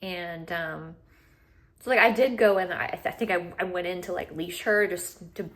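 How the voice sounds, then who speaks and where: Woman vlogger, slightly low voice, casual conversational storytelling about rescue work. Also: normal speed, a bit bright. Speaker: dog rescuer narrating her own rescue.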